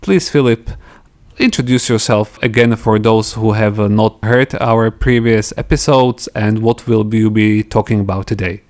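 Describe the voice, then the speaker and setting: A man hosts a podcast interview, pausing often as he gropes for words. His voice sits fairly low and comes across smooth and clean. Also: steady tone, a little mellow. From Slovakia. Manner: halting, searching for words. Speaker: podcast host. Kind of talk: casual interview chat.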